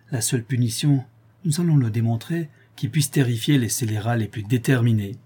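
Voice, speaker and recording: Un homme lit à voix haute un roman classique, d'une narration posée et régulière. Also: male voice, mid-range voice, warm tone, breathy edge. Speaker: audiobook reader. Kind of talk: reading a classic novel aloud.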